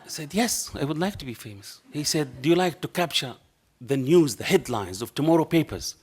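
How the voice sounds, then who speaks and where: A slightly high, breathy-edged voice belongs to a middle-aged man with a strong Arabic accent, who speaks animatedly and fairly quickly. Seated at a panel table in a dark lecture hall with a table microphone, he passionately shares an anecdote, playing both sides of a conversation in non-native phrasing.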